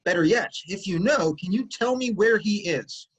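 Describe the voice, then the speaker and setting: A male actor gives a formal, expressive reading of a Greek tragedy as a humble, cheery old messenger from Corinth, sounding eager and courteous. His high-pitched voice is slightly rough and moves at a normal speed.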